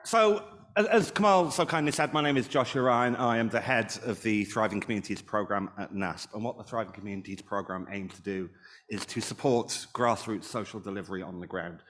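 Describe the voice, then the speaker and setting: A man chairing a panel at a live event, upbeat and gently self-deprecating as he introduces the speakers. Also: on the low side, a little fast. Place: large event hall with an audience. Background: audience murmur.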